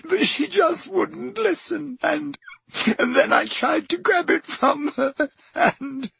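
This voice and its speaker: A man voicing a distraught teenage schoolgirl who is crying, wailing her words in a high, breathless voice. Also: slow pace, vocal fry, fairly bright tone, dry recording, full character voice. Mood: sobbing. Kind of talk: audiobook character voice.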